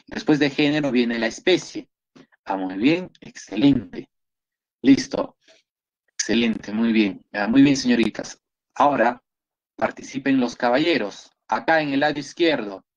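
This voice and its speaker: A man's voice: medium pitch, unhurried, dull audio. A man with a Peruvian Spanish accent teaching an online biology class, going over exam questions and praising his students often. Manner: encouraging, repeats praise often.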